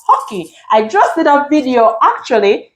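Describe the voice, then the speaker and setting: A woman's voice: lowish voice, measured pace. A middle-aged woman from Jamaica with a Jamaican accent, talking casually to camera as a vlogger and slipping into patois phrases. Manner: lively, switches into patois phrases.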